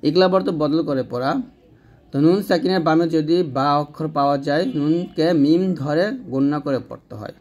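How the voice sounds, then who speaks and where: A man with a Bangladeshi Bengali accent giving a step-by-step tajweed lesson, spelling out letters and drilling each syllable slowly. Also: on the high side, darkish tone. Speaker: Quran recitation teacher.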